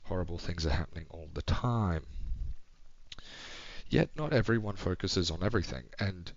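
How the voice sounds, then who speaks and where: Young male vlogger, very low voice, hushed late-night monologue, halting and reflective, slightly muffled recording. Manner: hushed, near-whispering delivery; thinking aloud, pausing and restarting. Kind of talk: late-night solo ramble. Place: home at night.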